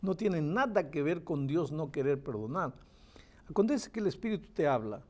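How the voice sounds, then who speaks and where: A man explaining scripture in a recorded Bible study. His voice sits fairly high for a man but sounds mellow and dark. He leans on repetition to drive points home. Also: animated, moderate pace. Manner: emphatic, repeats phrases for stress, reads verses aloud. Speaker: Bible teacher. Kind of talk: Bible study answering questions.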